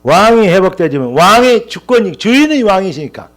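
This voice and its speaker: A man's voice: high voice, big pitch swings, normal speed. A male pastor preaching a sermon with impassioned, rising emphatic lists and calls of hallelujah.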